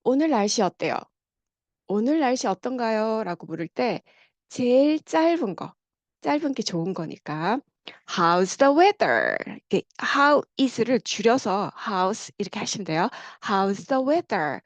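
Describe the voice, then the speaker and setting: Woman teacher, slow deliberate pace, dry close sound, patient drilling of phrases, checks in often. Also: on the high side, lively intonation, dry recording. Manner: patient explaining, frequent checking questions. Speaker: English teacher. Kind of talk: online language lesson. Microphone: close mic, muted class.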